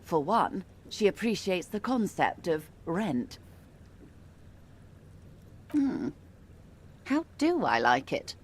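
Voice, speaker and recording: An actress voicing a poised, composed middle-aged woman of means in a video game, speaking in a measured, courteous, faintly wry way. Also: fairly low pitch, very animated, heavily acted. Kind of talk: voiced video game dialogue.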